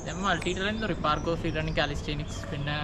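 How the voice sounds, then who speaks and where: A man's voice: on the high side, racing. A man chatting casually, mixing English terms into his Malayalam. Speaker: skater, parkour athlete. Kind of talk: casual chat. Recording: noisy outdoor ambience.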